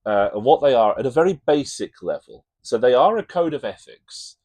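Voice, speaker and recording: A man with a fairly low voice hosts an explanatory video, talking informally to the camera. He speaks tentatively, often pausing with ums and correcting his own pronunciation as he goes through his notes. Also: darkish tone. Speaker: channel host teaching Buddhism. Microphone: reading from notes to camera.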